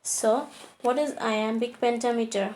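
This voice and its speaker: A woman teacher lecturing on a poem, slowing to a deliberate pace on the English lines and pausing on fillers as she explains. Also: on the high side, flat delivery, a little mellow. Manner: switches to slow, deliberate reading for English lines; hesitant, with many fillers. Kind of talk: poetry lecture.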